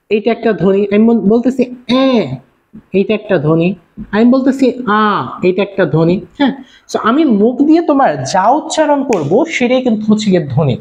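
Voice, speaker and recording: A young man from Bangladesh teaching an online class, repeating his points and firing quick questions at his viewers. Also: sits high, dark tone. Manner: fast, repetitive, calls out questions to viewers. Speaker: online tutor. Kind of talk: live-streamed class lecture. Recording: dull lo-fi stream audio.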